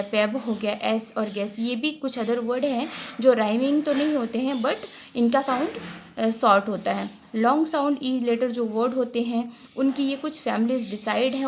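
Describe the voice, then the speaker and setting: Woman, raised pitch, patient teacher voice-over, stretches each example word. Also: a little hiss or hum. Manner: drawn-out example words, frequent "theek hai" check-ins. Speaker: English teacher. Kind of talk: explanatory lesson voice-over.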